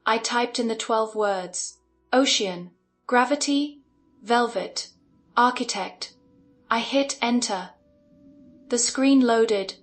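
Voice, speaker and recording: A woman narrating an animated revenge story in the first person. Her voice sits a little high, and she reads with dramatic intensity. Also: takes it slowly, long pauses, soft background music.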